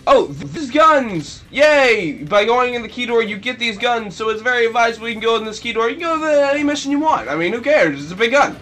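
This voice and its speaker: A man giving casual, goofy gameplay commentary, rambling and breaking into sudden shrill yelps. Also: lively intonation, a little fast, few pauses, sharp tone, a little hiss or hum. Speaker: let's play commentator.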